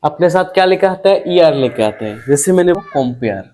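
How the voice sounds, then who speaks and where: A man's voice: on the high side, lively intonation, warm tone, a little hiss or hum. A man teaching English grammar, repeating each point and asking and answering his own questions. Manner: slow, repetitive, asks and answers own questions. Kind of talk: classroom grammar lesson.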